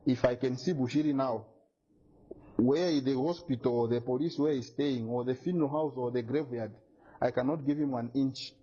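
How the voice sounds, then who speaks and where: Speaking at a moderate pace in a warm, husky low voice, this businessman from Zambia sounds aggrieved and indignant. His accusatory statement to the media is emphatic and full of repeated points, and the muffled audio has a dull lo-fi quality.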